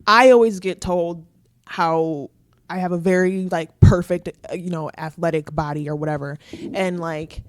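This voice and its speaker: A woman guest talking candidly in a casual podcast chat, with quick restarts. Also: lowish voice, fairly even intonation, dry recording. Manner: candid, chatty, fast restarts. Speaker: guest, exotic dancer.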